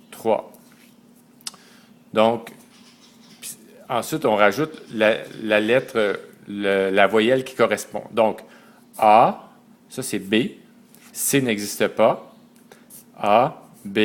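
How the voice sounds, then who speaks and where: A man, slowly and methodically teaching a writing system letter by letter. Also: on the low side. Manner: slow and methodical, spelling out letters one by one. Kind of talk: step-by-step lesson.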